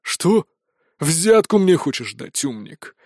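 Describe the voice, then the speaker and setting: A man voicing a gruff, burly male sheriff who barks cold, menacing orders in a high, loud voice. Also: very animated, slow, no room sound, clean studio sound, full character voice.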